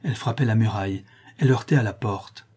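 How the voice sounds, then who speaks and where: Husky, dark-toned male narrator. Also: lowish voice, a little fast. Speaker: audiobook narrator. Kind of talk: scripted narration.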